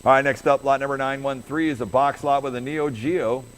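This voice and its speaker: A man's voice: medium pitch, steady tone. Man rattling off a rhythmic auctioneer chant. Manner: rapid, repetitive rhythmic bid chanting. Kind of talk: fast auctioneer chant, calling bids and lots. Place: auction floor with background noise. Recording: noisy live auction room.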